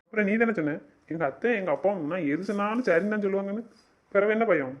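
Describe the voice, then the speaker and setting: Bossy, fast-talking young man. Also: high-pitched. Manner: bossy, scolding and teasing. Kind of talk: romantic audio drama dialogue. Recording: dull lo-fi recording.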